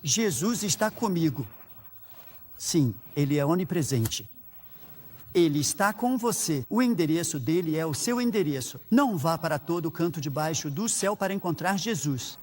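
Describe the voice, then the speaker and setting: A man's voice: fairly high pitch, animated, normal speed, a little mellow. A man with a Brazilian Portuguese accent preaching a sermon as a pastor, telling stories and voicing prayers aloud with earnest fervor. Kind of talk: sermon with personal anecdotes.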